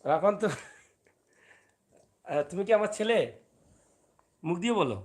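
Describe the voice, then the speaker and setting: A man's voice: high-pitched, lively intonation, measured pace, darkish tone. A man who makes family vlogs. He coaxes and teases his young son, then turns to speak to his viewers. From Sylhet, Bangladesh. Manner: coaxing and teasing, talking to his child and to viewers in turn. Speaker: father and family vlogger. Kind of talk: casual family vlog.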